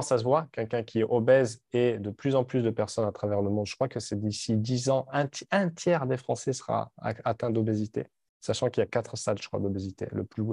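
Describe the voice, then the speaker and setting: A man's voice: lowish voice, creaky, mellow, dry recording, studio quality. A man in his late thirties talking frankly and casually to camera, rambling with restarts and casual swearing. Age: 30s. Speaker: vlogger. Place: home in Dubai.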